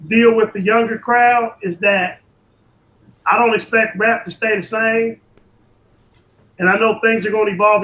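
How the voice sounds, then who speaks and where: Man, high bright voice, calm reflective chat, roomy echo. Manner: calm, reflective, hesitant fillers. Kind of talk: casual chat. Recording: roomy echoey audio.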